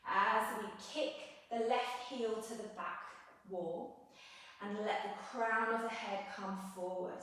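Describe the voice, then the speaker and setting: A woman yoga instructor giving gentle, encouraging step-by-step cues, slightly out of breath as she moves along. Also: a little high. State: slightly out of breath while moving. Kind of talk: guided yoga class cueing. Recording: echoey room, mic set at a distance.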